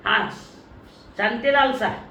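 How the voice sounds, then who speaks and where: A woman teaching a religious lesson to an online class. She speaks slowly and deliberately, repeats her points and calls on her students by name. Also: fairly high pitch, gravelly, bright, forceful tone, reverberant, recorded from a distance, highs cut off, a little hiss or hum.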